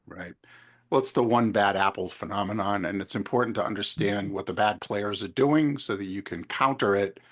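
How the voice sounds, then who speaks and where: A man hosting a conversational interview, thinking aloud in a measured, discursive way. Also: fairly low pitch. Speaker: podcast interviewer.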